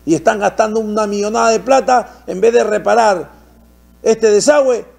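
A man's voice: high voice, moderate pace, creaky, a little mellow. A man with a Peruvian accent, hosting a TV opinion show and giving indignant political commentary full of rhetorical questions. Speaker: TV opinion host.

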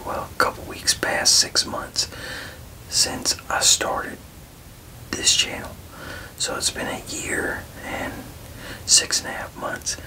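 A person whispering a casual ASMR ramble, halting and frank, with folksy turns of phrase. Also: far from the mic, low-quality recording. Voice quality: unvoiced, breathy whisper with creaky edges. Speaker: ASMR video creator.

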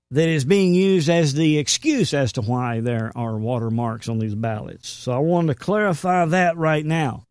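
Man, preacher-host, earnest emphatic sermon, slightly high voice, dry close sound. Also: darkish tone, dry recording. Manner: earnest, emphatic, quotes scripture. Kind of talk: sermon-style commentary.

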